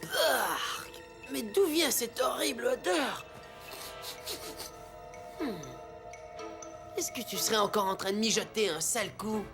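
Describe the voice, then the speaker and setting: A woman's voice: fairly high pitch, expressive, slow, pauses often, music in the background. A woman playing a stern, suspicious fish owner in a cartoon, scolding and commanding in an exclamatory way. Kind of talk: animated cartoon acting.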